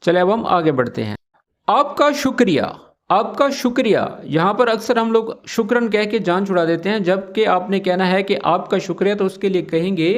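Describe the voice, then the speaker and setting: A man with a Pakistani Urdu accent giving a casual Arabic lesson, repeating each phrase slowly and often checking in with the listener. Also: high voice. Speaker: Arabic teacher. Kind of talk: casual spoken language lesson.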